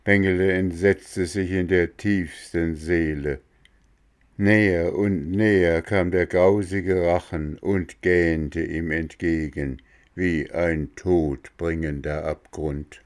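A man reading a storybook aloud as narrator, in a measured, dramatic delivery. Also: sits low, fairly even intonation.

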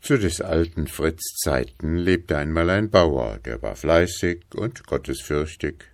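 A man reading a folk tale aloud in a measured, expressive way. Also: a bass voice, no echo, clean studio sound. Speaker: storyteller.

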